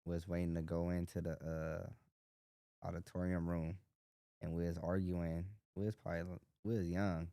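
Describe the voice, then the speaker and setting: A young man from Southern California, a music artist guest, talking casually in low-key mumbled street slang. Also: little pitch movement, normal speed, warm tone, smooth, no echo, clean studio sound. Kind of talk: casual chat.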